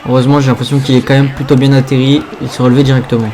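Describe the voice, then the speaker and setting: A man's voice: mid-range voice, flat delivery, rapid-fire, darkish tone. A man doing play-by-play wrestling commentary on a video game match, reacting to each move with exclamations. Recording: clear background noise.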